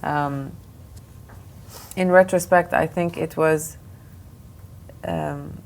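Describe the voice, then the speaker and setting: Speaking extremely slowly in a low voice with fairly even intonation, a woman originally from Lebanon fields interview questions as an art fair director. She answers thoughtfully but with frequent restarts and fillers, against faint background noise.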